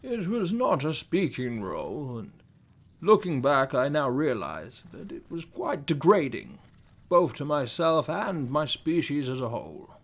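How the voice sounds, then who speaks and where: Giant spider thespian played by a man, male, pompous, precise diction, lively high-ish voice. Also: a little slow, full character voice. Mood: haughty. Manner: haughty, precise, theatrical. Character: pompous male giant frost spider, aspiring stage actor. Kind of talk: comedic mock interview.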